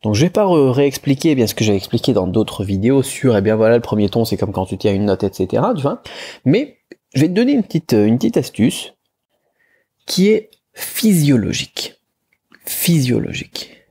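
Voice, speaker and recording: Man, language teacher, casual video lesson, dark mellow tone, husky, chatty. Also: mid-range voice, sing-song, fast talker. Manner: chatty, many fillers and restarts; demonstrates tones with head movements.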